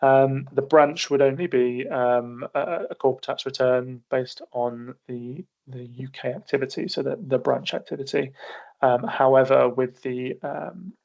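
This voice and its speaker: With vocal fry and a darkish tone, his mid-range voice stays unhurried on a muffled recording. He is an accountancy partner presenting a business webinar, methodically explaining and restarting often as his voice fades, with the odd cough.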